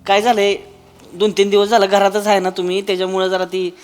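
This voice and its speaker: A man's voice: high-pitched, level tone, brisk, clear, resonant tone, long reverb tail, soft background music, natural voice. An actor playing a coaxing, folksy neighbour man in a stage comedy sketch.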